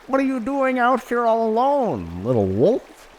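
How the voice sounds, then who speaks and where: A man reading a storybook aloud, voicing a friendly beaver and a tiny fairy in a high, squeaky put-on voice. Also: wildly swooping pitch, measured pace, slight background noise, full character voice.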